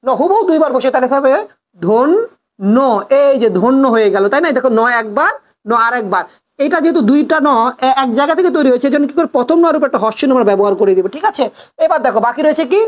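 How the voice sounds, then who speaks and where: A woman teacher explains a grammar rule in a high, bright voice. She talks fast and keeps asking the class questions, then answers them herself. She repeats each rule several times so it sticks. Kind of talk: classroom lesson on pronunciation.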